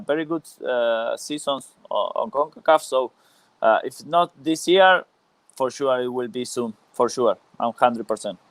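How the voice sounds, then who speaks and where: A former professional footballer whose first language is Spanish speaks as a guest in a casual live interview. His mid-range voice is smooth and clear, but he talks haltingly, searching for words and repeating phrases. The recording is dry.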